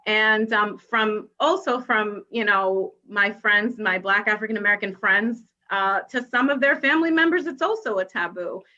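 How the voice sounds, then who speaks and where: A woman's voice: medium pitch, moderate pace, hardly any pauses, sharp tone, muffled recording. A woman from the Dominican Republic leading a panel discussion, speaking hesitantly with many fillers and restarts.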